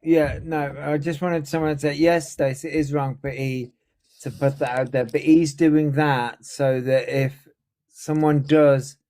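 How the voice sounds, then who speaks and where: A man chatting casually on a live stream in a hesitant, halting way. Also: fairly high pitch, steady tone, a little mellow.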